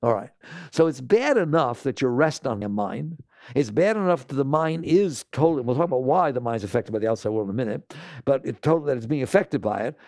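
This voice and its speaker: A man giving an animated talk to an audience, scolding and asking rhetorical questions. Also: fairly high pitch, dry recording, clean studio sound.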